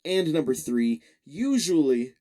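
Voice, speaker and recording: A man hosting his own casual solo podcast, speaking haltingly with filler pauses as he reads out a word of the day. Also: a little high, big pitch swings, mellow. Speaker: podcast host.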